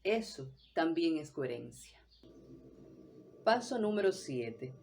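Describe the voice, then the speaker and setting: A woman teaching a voice workshop in a measured, deliberate way, now and then acting out short examples. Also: low-pitched, animated, darkish tone, slight background noise. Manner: measured, deliberate delivery with brief acted examples. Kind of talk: scripted instructional talk.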